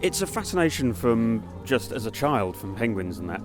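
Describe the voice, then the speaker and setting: A man with a mid-range voice talks earnestly and a little haltingly about his stall. Music is clearly audible behind him. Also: medium pitch, big pitch swings. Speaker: artist stall holder. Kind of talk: casual interview.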